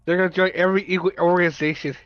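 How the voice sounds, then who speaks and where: A man's voice: sits high, steady tone, racing, dry recording, dull audio. A man playing a tabletop game, chatting casually and thinking aloud. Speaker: player.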